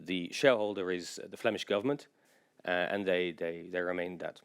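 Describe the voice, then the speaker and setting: An English man gives a conference presentation as a general manager, his voice low, smooth and resonant. He talks in a measured, informative manner, though frequent filler pauses break up his sentences.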